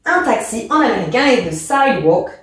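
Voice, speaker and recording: A woman's voice: fairly high pitch, very animated, a little fast. A woman explaining an English lesson to a pupil, patient, spelling letters out and speaking to the child as "tu". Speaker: teacher. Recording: echoey room from far off.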